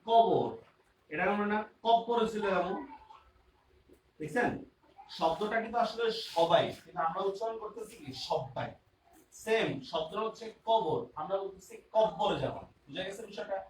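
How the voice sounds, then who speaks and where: A man teaches a grammar class in a fairly high voice, repeating each term and checking often that the students follow. He sits some way from the mic in a roomy space. Faint ambient noise runs underneath. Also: normal speed, pauses often, distant mic.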